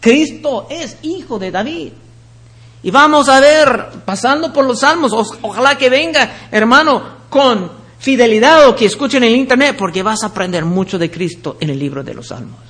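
High-voiced man preaching a sermon. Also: lively intonation, moderate pace, a bit bright. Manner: reads scripture passages aloud, with slips and restarts. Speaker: pastor.

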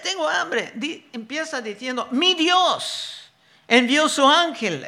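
A man preaching a sermon, reading Bible verses slowly and deliberately and explaining them. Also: extremely high pitch, pushed and bright.

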